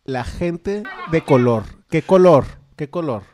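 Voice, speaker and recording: Young man, Mexican accent, slangy joking podcast chat, slightly high voice. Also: expressive, takes it slowly, mellow, a little hiss or hum. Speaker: podcast co-host. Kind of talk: casual chat.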